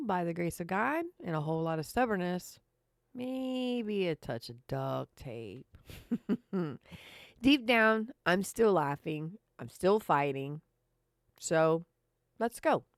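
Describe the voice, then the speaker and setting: Slow, sarcastic woman host. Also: lowish voice, no echo, studio quality. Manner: sarcastic, chatty, addresses listeners as folks. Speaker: podcast host. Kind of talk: casual monologue.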